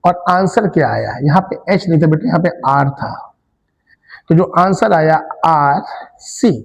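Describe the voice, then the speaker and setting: A man's voice: on the high side, expressive, unhurried, creaky, big-room sound, low-quality recording. A male chemistry teacher giving a classroom lecture. He mixes Hindi with English terms and keeps asking students questions, then answers them himself.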